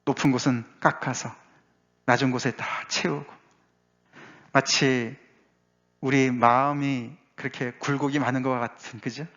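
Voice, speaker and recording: A male pastor preaching a sermon with emphatic swings, rising to exclaim and dropping low. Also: little pitch movement, unhurried, long pauses, a bit bright. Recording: dull lo-fi sound.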